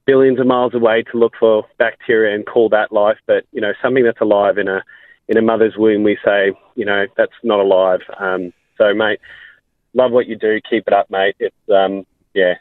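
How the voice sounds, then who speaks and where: A man's voice: fairly low pitch, no echo. A man with a Queensland Australian accent giving his casual opinion as a radio phone-in caller, in a blokey, matey way. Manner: blokey, matey, says mate often. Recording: band-limited phone line on radio.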